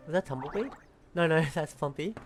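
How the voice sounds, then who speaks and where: A woman's voice: deep voice, lively intonation, fairly quick. A woman chatting casually as she reacts to a video game, informal and giggly. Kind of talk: casual chat, live game commentary. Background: game music.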